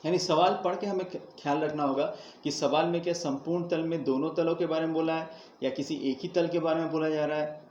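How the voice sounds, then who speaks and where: A man's voice: a little high, steady tone, a little fast, darkish tone. Man teaching math in an echoey room. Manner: explains step by step, asks students questions and answers them himself. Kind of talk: classroom math lesson at a board. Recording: echoey room, dull lo-fi sound, faint hiss.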